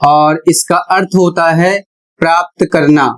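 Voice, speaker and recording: A male teacher giving a classroom-style lesson, deliberate and spelling things out letter by letter with pauses. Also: a little high, steady tone, rough recording.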